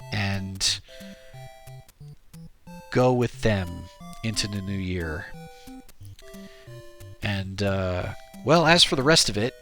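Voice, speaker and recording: Slow, nasal American man with a cold. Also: lowish voice, pushed and bright. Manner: rambling, with many fillers and restarts. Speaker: streamer and game developer. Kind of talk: casual live-stream chat.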